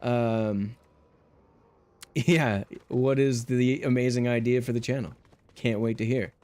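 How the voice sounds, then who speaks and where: A man livestreams while gaming, chatting casually with viewers in a laid-back, rambling way full of fillers. His mid-range voice is steady, slightly mellow, and unhurried. The audio comes through a livestream headset mic.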